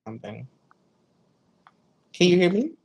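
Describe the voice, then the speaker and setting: A woman's voice: lowish voice, big pitch swings, a little slow, darkish tone, breathy edge. A woman podcast host talking bluntly and swearing freely in casual chat, her voice cutting out over a choppy, dropping call connection. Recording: broken-up internet call audio, faint and far.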